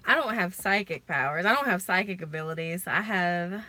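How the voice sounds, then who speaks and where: An American woman chatting casually on a livestream in a halting, conversational way with some emphasis. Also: fairly low pitch, expressive, sharp tone, dry recording. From lives in Alabama, United States. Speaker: livestream host. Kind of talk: casual livestream chat about personal experiences.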